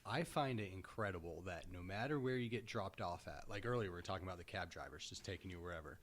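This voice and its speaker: Deep guy playing a chatty sailor musing out loud, faint ambience, comedy audio play. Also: fast talker, slight background noise, close to an everyday voice. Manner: wandering, musing talk. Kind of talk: improvised comedy audio drama.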